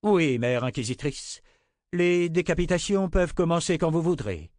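A man voicing a dutiful general answering orders crisply in a raised voice. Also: on the high side, lively intonation, normal speed, darkish tone, no echo, clean studio sound, voice pushed up, close to an everyday voice. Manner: crisp, obedient.

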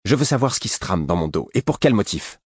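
A man's voice: fairly low pitch, very animated, fast talker, husky, dry recording, clean studio sound, voice pushed up. A man voicing a furious, imperious young prince who commands sharply. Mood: cold anger.

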